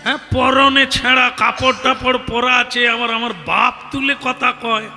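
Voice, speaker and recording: High, bright-voiced male kirtan preacher. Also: moderate pace. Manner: animated, dramatic, addresses the audience directly. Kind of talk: devotional storytelling sermon. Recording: long hall reverb with music.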